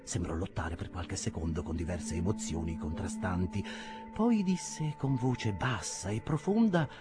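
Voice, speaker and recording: A man narrating a classic novel for an audiobook in a measured, expressive storytelling manner. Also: deep voice, over music.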